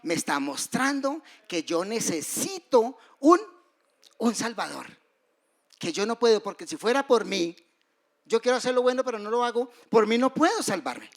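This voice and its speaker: A man preaching a sermon, moving between loud rises and soft, hushed drops. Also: very high-pitched, very animated, moderate pace. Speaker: pastor.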